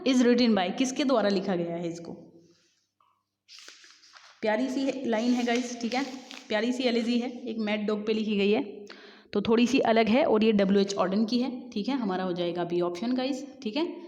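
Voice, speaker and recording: A woman teaching English literature for exam prep, chatting with viewers and reading questions out slowly. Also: medium pitch, a little mellow. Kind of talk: exam-prep lesson in Hindi-English mix. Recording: dull lo-fi sound with long reverb.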